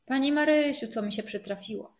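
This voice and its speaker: A woman reading a storybook and voicing an excited older woman who gossips about her stolen flowers. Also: sits high, fairly quick, pitched above the performer's own voice. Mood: agitated. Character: agitated older woman, chatty neighbor.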